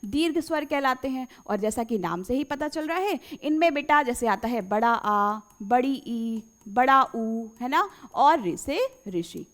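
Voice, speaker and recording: A woman's voice: a little high, animated, a little slow, few pauses, fairly bright tone. A woman teacher giving an exam-prep grammar lesson, repeating key phrases and quizzing her pupils, whom she fondly calls children.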